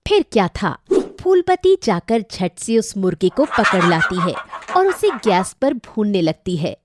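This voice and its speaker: A woman narrating a cartoon family story in a lively storytelling manner. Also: medium pitch, a little slow, very noisy.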